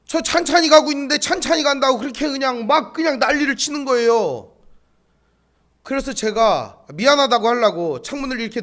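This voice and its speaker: High, lively-voiced male pastor preaching. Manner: animated storytelling with rhetorical questions. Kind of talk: sermon with storytelling.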